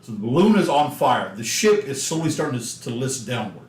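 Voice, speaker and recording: Lively Southern game master, echoey room. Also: male voice, medium pitch, a little fast. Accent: Southern American. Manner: animated, laughs often. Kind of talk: narrating a tabletop game.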